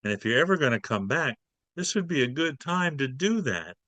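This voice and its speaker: A man's voice: medium pitch, sing-song, brisk, pushed and bright, no room sound. A man voicing a homeless kid who pleads wearily with the Lord. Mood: pleading.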